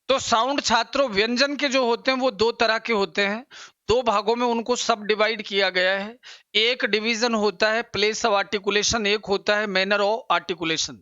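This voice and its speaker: A man teaching an English exam-prep lesson, explaining slowly and repeating pronunciations for his students. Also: high voice, bright, forceful tone, clean tone, dry recording, muffled recording.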